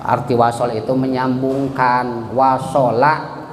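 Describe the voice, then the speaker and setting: A man's voice: medium pitch, little pitch movement, slow pace. A man teaching Quran recitation rules, chanting verses and then correcting them. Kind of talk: tajwid lesson at a mosque study circle. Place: mosque hall. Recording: echoey hall with long reverb.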